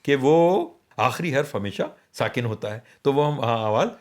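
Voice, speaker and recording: A man's voice: medium pitch, lively intonation. A man teaching the meters of poetry in a radio conversation, patiently counting sounds aloud and checking that his listener follows.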